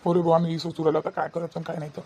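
An anxious grown son, gravelly and dark. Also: mid-range voice, little pitch movement, racing. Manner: fretting, placating. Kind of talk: cartoon voice acting.

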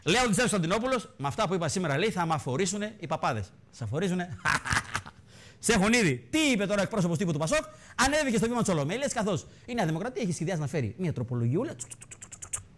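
A man's voice: sits high, very animated, fairly bright tone. A man hosting a TV show, giving mocking, theatrical satirical commentary on politics. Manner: mocking, theatrical, mimics bells and voices. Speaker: TV show host.

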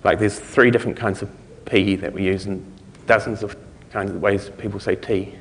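A man speaks in a fairly low voice, presenting a technical talk. His delivery is informal and halting, with thoughts left trailing. The sound carries the reverb of a lecture hall. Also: fairly even intonation, slight background noise. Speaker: conference speaker. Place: conference lecture room, indoors.

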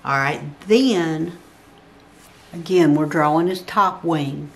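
At an indoor work table, an older female craft instructor leads a step-by-step drawing tutorial, patiently counting grid squares aloud. She speaks slowly in a low-pitched voice.

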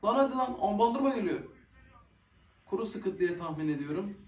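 Young male reaction host, high voice, excitable, echoey room, somewhat off-mic. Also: moderate pace, far from the mic. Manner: excitable, swears and groans at missed chances. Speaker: football reaction video host. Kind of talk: casual live match reaction.

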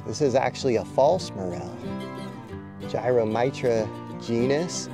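A man hosting a forest foraging vlog, narrating his walk outdoors with relaxed, enthusiastic show-and-tell. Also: mid-range voice, creaky. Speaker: foraging vlogger.

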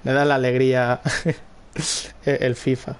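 A young man with a Spanish accent casually commenting on his football game, excitable, often repeating words and shouting at plays. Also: mid-range voice, slow pace, smooth. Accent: Spanish (Spain). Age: young adult. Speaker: gaming streamer. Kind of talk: casual live gameplay commentary.

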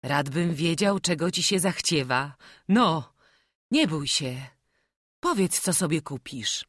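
A woman voicing a frail, kindly young prince who speaks softly in old courtly phrases, in an audiobook. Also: low voice, animated, takes it slowly, dry recording, studio quality, exaggerated voice. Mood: gentle. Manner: soft, kindly, old-fashioned courtly speech.

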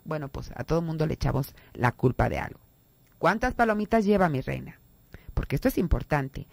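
A woman's voice: low voice, dark tone, no room sound. A woman with a Mexican Spanish accent hosting a radio talk on family psychology, acting out quoted people in raised voices. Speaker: radio host and therapist.

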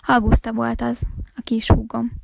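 A woman reading a novel aloud for a library, with calm, steady storytelling. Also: fairly high pitch, creaky, heavy background noise. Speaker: library reader.

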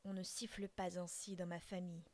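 A woman's voice: mid-range voice, normal speed, lightly acted. A woman voicing an outraged, proud old male blackbird father in a whispered role-play, scolding with indignation.

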